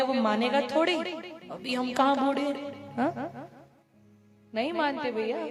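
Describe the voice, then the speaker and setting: A woman storyteller giving a devotional sermon, acting out the characters of a parable and laughing along the way. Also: sits high. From India. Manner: acts out story characters with crying voices and laughs. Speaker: katha storyteller. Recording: echoey hall with music behind.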